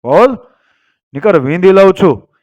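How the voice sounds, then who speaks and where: Man reading stern male outlaw chief, commanding, fierce, voice a bit high. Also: expressive, a little slow, darkish tone, highs cut off.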